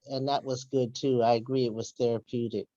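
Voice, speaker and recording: Heard through muffled, band-limited call audio with no room sound, an older woman speaks fairly quickly in a mellow bass voice with a steady tone. She's a writer and workshop participant casually recalling memories during a panel discussion at an online event she joined remotely.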